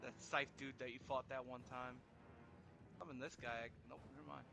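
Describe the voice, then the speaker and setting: A young man in casual banter while playing a video game with a friend, excitable, laughing often and swearing freely. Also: mid-range voice, moderate pace, gravelly, noisy background. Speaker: co-op gaming partner.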